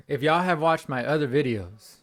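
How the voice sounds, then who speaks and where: The speaker is a young sports fan channel host ranting at home in frustration after a game, rambling and saying things over again as his voice cracks. His voice sits on the high side and is expressive, with a slightly slow pace.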